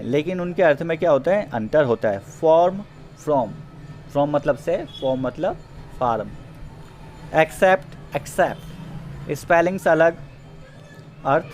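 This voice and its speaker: A man teaching a grammar lesson in Hindi, who reads example sentences slowly, then explains them and answers his own questions. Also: on the high side, darkish tone.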